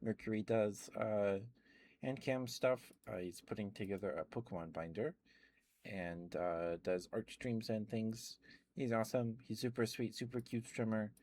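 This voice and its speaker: A man live-streaming ASMR chats casually and affectionately with viewers close to the microphone, calling them by pet names. His lowish voice is steady, unhurried and a little mellow, with no room sound.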